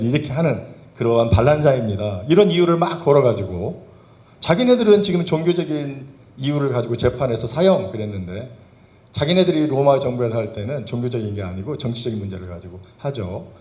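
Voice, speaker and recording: A man's voice: mid-range voice, animated, a little fast, dark tone. A male pastor preaching a Sunday sermon, firing rhetorical questions at the congregation with emphatic bursts. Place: church sanctuary. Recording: roomy church reverb.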